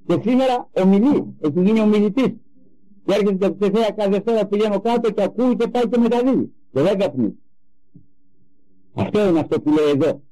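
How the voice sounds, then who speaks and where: An older man giving a religious talk, telling personal stories with animated emphasis. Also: high voice, poor audio. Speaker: religious speaker. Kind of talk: sermon with personal anecdotes.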